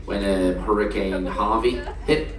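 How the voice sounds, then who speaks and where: A low-pitched British man answers audience questions as a cruise director. He is chatty, informal and jokey as he tells stories. He sounds distant in an echoing room, with some crowd noise around him. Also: steady tone, measured pace. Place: large echoey room with an audience. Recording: echoey venue, distant mic, audience noise.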